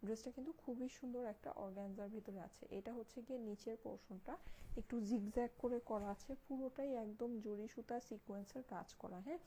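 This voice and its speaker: Young woman, Bangladeshi Bengali accent, hushed live-sale pitch, mellow voice, faint room hum. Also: quick pace, low-quality recording. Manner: hushed so as not to wake a sleeping child; repeats her praise, checks in with listeners. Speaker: online clothing seller. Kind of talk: Facebook live sales pitch.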